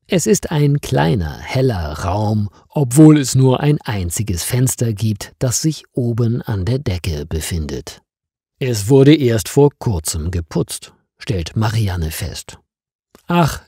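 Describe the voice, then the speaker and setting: Slow, husky male storyteller. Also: lowish voice, no room sound, clean studio sound. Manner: clear, deliberate, lively intonation. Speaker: narrator. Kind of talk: slow scripted story narration for language learners.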